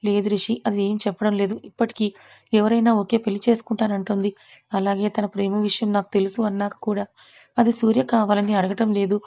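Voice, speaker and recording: A woman's voice: medium pitch, little pitch movement, brisk, mellow, highs cut off, close to an everyday voice. A woman voicing an anxious, guilt-ridden elder sister. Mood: distressed. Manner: distressed.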